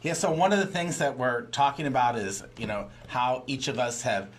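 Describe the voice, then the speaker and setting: A man's voice: medium pitch, expressive, moderate pace, slight background noise. Earnest motivational man co-hosting a podcast. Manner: earnest, motivational, chiming in briefly. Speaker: podcast co-host. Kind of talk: live business podcast chat.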